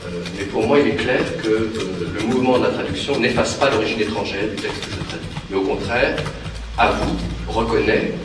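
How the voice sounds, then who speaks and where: A theatre translator with a low voice gives a thoughtful, reflective talk, speaking a little fast but hesitantly, with many fillers and restarts. He's recorded from far off in a very echoey room, with music and other background noise behind him.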